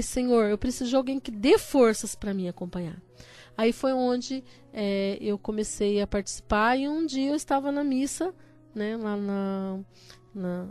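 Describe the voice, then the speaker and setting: A woman's voice: high voice, darkish tone. Earnest woman telling her faith story. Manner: earnest storytelling, acting out her own prayers. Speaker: parishioner giving a testimony. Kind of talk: personal religious testimony.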